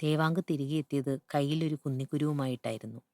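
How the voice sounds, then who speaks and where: A woman reads a literary short story aloud in a measured, deliberate way. Her voice sits low for a woman, and the sound is dry and close with no room echo. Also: fairly even intonation, darkish tone. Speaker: narrator.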